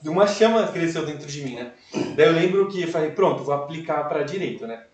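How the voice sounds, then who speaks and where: Fast-talking young man. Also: fairly high pitch. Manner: animated, fillers like "cara" and "né". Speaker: podcast guest. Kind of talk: casual testimony storytelling. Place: live event room. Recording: echoey room, voice far from mic.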